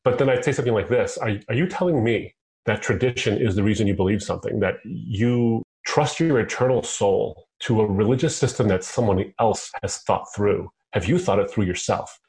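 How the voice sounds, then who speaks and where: A man's voice: lowish voice, normal speed, vocal fry, a little mellow. A middle-aged American man, a guest on the line, telling his own story in an earnest, conversational way. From United States. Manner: earnest storytelling, quotes himself in asides. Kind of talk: conversational interview. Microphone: phone line.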